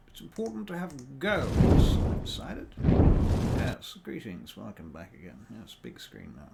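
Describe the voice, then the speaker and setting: This man's voice sits on the low side, creaky, with a slight hiss or hum. He's a weary New Zealander running a game as dungeon master on a casual livestream, muttering, humming and thinking out loud as he works, all in a deliberately faked non-native accent.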